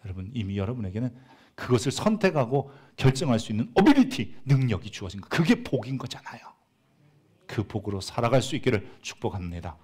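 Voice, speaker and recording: A man preaching a church sermon. He moves between loud, emphatic passages and quiet, hushed asides, and mixes in humorous everyday stories. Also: medium pitch, lively intonation, a little fast, husky. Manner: tells humorous everyday anecdotes. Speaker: pastor.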